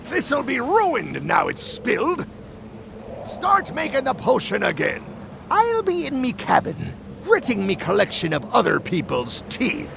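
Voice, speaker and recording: A man voicing a menacing, grandiose undead pirate captain in a video game, gravelly and commanding, speaking in pirate dialect. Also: very high voice, huge pitch swings, measured pace, noisy background, full character voice. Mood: gruff, ordering.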